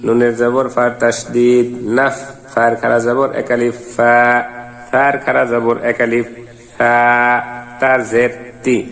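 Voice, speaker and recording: Man teaching slow Quran recitation. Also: medium pitch, monotone, a bit bright. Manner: spells out letters and vowel marks one by one, then chants the verse slowly. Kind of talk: step-by-step recitation lesson.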